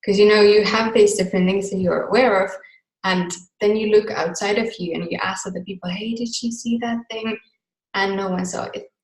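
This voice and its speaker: Heard over a video call microphone, this class facilitator is a woman whose native language is Finnish, and her pitch sits in the middle range. She leads the live online session loosely, laughing readily and drifting into tangents, while the room sounds reverberant and the audio quality is rough.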